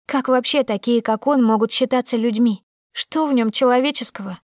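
A woman narrating a first-person audiobook in a steady, emotive storytelling manner. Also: a little high, moderate pace, dry recording, studio quality.

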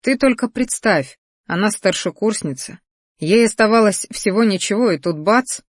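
A woman's voice: medium pitch, expressive, moderate pace, no room sound, close to an everyday voice. A friendly young battle mage, earnest and a touch gossipy, read by a woman narrator. Her delivery is close and dry, with no room sound.

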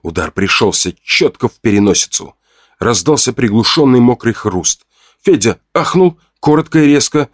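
A man's voice: medium pitch, lively intonation, moderate pace, dry recording, clean studio sound. A man giving a tense, dramatic first-person audiobook narration.

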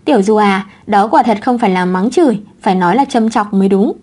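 A woman reading the lines of a sharp-tongued young mother who answers sarcastically. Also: mid-range voice, fast talker, natural voice.

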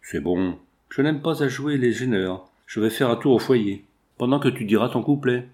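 A man's voice: mid-range voice, moderate pace, a little mellow, lightly acted. A man voicing a self-assured Parisian man-about-town, jovial, coaxing and bluff.

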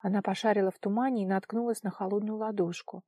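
A woman narrating a fantasy audiobook in an expressive storytelling manner. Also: medium pitch, fast, no room sound.

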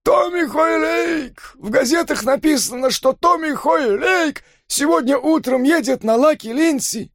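A man voicing a furious, panicking middle-aged father and violent thug, his hoarse voice going shrill as he screams. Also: big pitch swings, a little slow, no echo, studio quality, heavily acted. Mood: panicked. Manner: screaming, frantic.

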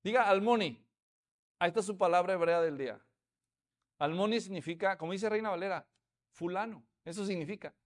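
Man preaching, fairly high voice, lively storytelling, puts on small voices for characters. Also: brisk. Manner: animated storytelling, acts out voices of townspeople. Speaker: pastor. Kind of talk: sermon.

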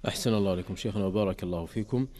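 Male presenter, very rapid formal Standard Arabic, soft mellow tone, courteous radio delivery. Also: low-pitched, big-room sound. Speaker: radio program host. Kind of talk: formal Q&A program presenting, reading listener questions.

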